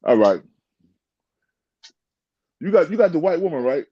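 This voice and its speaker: A man talking in a casual podcast chat, animated and interrupting, swearing freely. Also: fairly high pitch, measured pace, lo-fi sound, over a noisy crowd.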